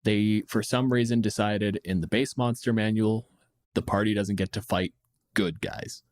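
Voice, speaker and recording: Speaking with a lowish, steady, slightly mellow voice at normal speed, a podcast host takes listener questions. He riffs casually and bluntly on game monsters, swears without restraint, and his audio has no echo.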